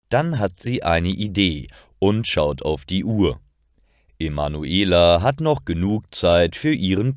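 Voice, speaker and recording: A man narrates short stories for language learners with slow, carefully paced sentences. His low voice rises and falls with plenty of expression. The recording is dry and close, with no room sound. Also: no room sound. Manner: slow, clear, expressive reading.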